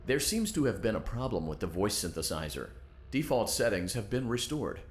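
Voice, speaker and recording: A chipper synthesized computer assistant. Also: male voice, on the low side, sing-song, normal speed. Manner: polite, scripted instructions. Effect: synthesized computer system voice. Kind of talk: video game character voice, played during a playthrough.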